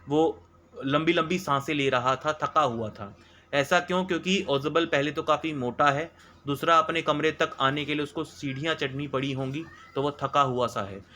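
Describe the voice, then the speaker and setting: A male teacher working through a school chapter with a bright, slightly high voice. He reads each English line slowly and then explains it in detail. A faint hiss sits under the recording. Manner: checks in often with filler words. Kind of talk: explaining a textbook lesson.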